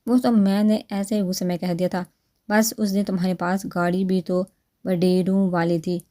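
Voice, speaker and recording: A woman voices a shy young wife in a romantic storybook. She sounds flustered and slightly irritated, with a warm, darker tone. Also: lowish voice, flat delivery, lightly acted. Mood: light.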